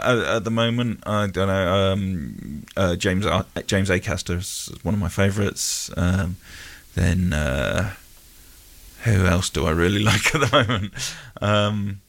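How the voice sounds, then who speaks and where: British male comedian guest, deep-pitched, casual, halting and rambling interview delivery. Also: creaky, fairly bright tone. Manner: hesitant, rambling.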